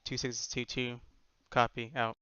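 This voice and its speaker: A man's voice: medium pitch, monotone, normal speed, sharp tone, smooth, no room sound, lo-fi sound. A man playing a military simulation, mixing radio procedure with casual squad chat.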